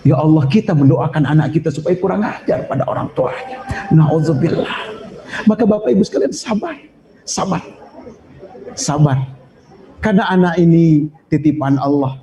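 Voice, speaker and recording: A man's voice: fairly high pitch, a little fast, vocal fry, highs cut off, some chatter behind, a little hiss or hum. A man preaching a sermon to parents, telling humorous stories and urging patience. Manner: storytelling, humorous, animated exhortation. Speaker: Islamic preacher.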